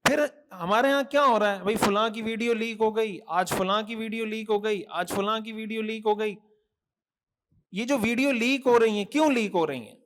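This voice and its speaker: A man delivering a sermon in a very high voice. He admonishes earnestly, asks rhetorical questions and stacks repeated phrases. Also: background noise. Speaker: mufti preacher. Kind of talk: Thursday night sermon.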